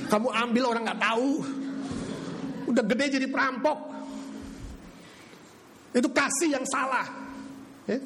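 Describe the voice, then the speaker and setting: A male pastor with a high voice preaches in a lively sermon style, leading his congregation in call-and-response. His voice rings with long hall reverb over a faint hum of room ambience. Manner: animated preaching with call-and-response and acted quotes.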